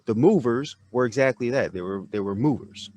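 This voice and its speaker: A man's voice: medium pitch, lively intonation, brisk, a little mellow, no echo. A man hosting a podcast, retelling a story in loose casual chat, padding it with "you know" and acting out the quoted characters. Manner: rambling retelling full of "you know" fillers. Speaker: podcast host. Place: home, neighbor mowing outside.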